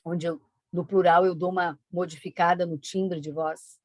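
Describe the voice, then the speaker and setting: A woman teaching an online exam-prep lesson, brisk and coaxing, with frequent tag questions. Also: on the low side, flat delivery, dry recording. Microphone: video call.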